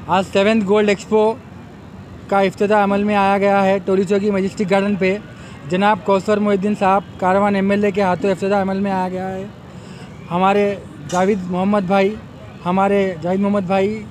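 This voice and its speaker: A man's voice: sits high, completely flat delivery, normal speed, a little mellow, slight background noise. A young man, an event organizer giving a promotional press statement into a bank of microphones at an outdoor expo, repeatedly urging customers to come. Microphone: bank of press microphones on a table.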